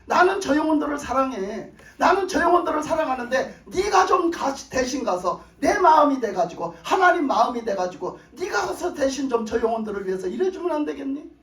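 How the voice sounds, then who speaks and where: A man voicing God as a patient, loving father who gently coaxes, in an echoey hall. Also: extremely high pitch, big pitch swings, fairly quick, few pauses, exaggerated voice. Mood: tender. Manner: gentle, coaxing pleas. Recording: echoey church hall from a distance.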